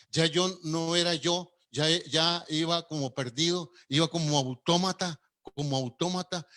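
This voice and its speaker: A male preacher giving a testimony in a sermon, with a voice that sits on the higher side for a man. He tells the story with lively energy and acts out each exchange as he goes. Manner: animated storytelling, acting out dialogue.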